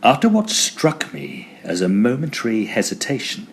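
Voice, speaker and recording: In an audio drama, a man plays an eager, inquisitive Edwardian ghost hunter, voicing both narration and dialogue with theatrical, formal diction. His medium-pitched voice is sing-song and slightly rough, paced moderately, with a brisk, curious mood.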